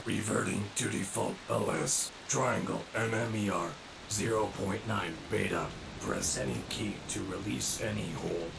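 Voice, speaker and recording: An actor playing a dying villain robot in a video game, glitching and halting as it speaks. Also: male voice, lowish voice, steady tone, vocal fry, over music, rough recording. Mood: glitching, flat. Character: bitter male villain robot, cynical and dying.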